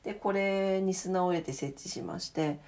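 A woman's voice: fairly low pitch, moderate pace, a little mellow. A woman hosting a casual late-night solo audio diary, speaking in a polite, chatty, self-deprecating way. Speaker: solo audio diary host, radio-DJ style greeting.

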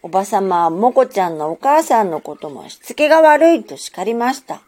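A woman narrating a children's story in a gentle, measured storytelling manner. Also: mid-range voice, big pitch swings.

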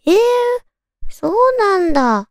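A woman with a high, cute anime-girl voice hosts a casual solo radio chat. Her delivery is cutesy and very lively in pitch, often turning softly to listeners with questions. The sound is close and dry. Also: takes it slowly, creaky, no echo. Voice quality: cute, high, girlish anime-style natural voice. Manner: cutesy, animated, addressing listeners with soft questions. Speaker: radio show host.

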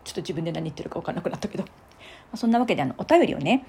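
Soft-spoken chatty Japanese podcast woman. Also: on the low side, very animated, very fast, breathy edge. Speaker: podcast host. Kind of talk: casual solo talk.

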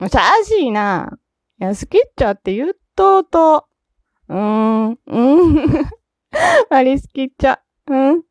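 A woman doing a young Fukuoka woman on a phone call, put-on Fukuoka dialect, sweet and teasing, lively swooping voice, fairly high, dry close sound. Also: slow pace, no room sound, heavily acted. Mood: affectionate, teasing. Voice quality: sweet, playfully coaxing. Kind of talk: staged one-sided phone call.

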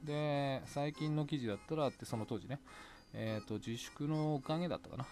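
A man hosts his own solo talk podcast, rambling casually and chuckling to himself as he looks back on past episodes. He talks fairly quickly in a mid-range, darkish voice, with soft music in the background.

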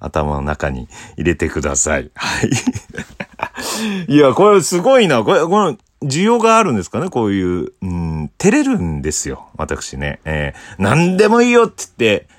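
A man with a fairly low voice hosts a relaxed solo talk show and reads listener letters aloud. His delivery is bashful and self-mocking, with murmured asides that break into high, animated bursts. The sound is dry and close, with no room in it. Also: moderate pace, no room sound. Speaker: podcast host reading listener letters.

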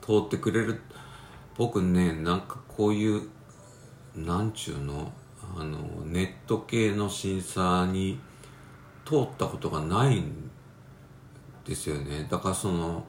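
A man's voice: low-pitched, takes it slowly. A man with a stuffy nose from a cold, rambling in a casual solo talk with many fillers. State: congested, nasal from a cold. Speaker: podcast host. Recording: roomy with faint background noise.

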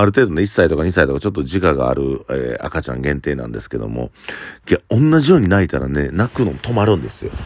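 A man's voice: a bass voice, a little mellow, dry recording, studio quality. A man with a Kansai accent, a standing bar owner, talking casually on his own in a blunt, opinionated way. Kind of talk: casual solo talk.

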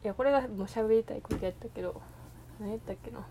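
A woman's voice: a little high, fast talker, mellow, a little hiss or hum. A woman with an Osaka Kansai accent, chatting alone in a rambling, hesitant way, full of fillers and restarts. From Osaka, Japan. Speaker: podcast host. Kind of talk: casual solo chat.

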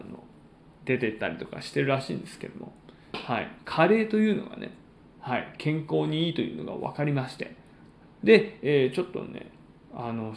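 Polite male podcast host, creaky and echoey. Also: medium pitch, slight background noise. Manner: polite, formal announcer-like phrasing with frequent pauses. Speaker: podcast host and stand-up comedian. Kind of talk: solo podcast chat with polite announcements.

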